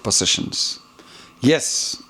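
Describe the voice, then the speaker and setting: A man's voice: drawn-out words, sharp tone. A man with an Indian accent giving a devotional question-and-answer lecture as a spiritual teacher, didactic and emphatic. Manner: didactic, emphatic, mixing in Hindi phrases. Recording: clear background noise.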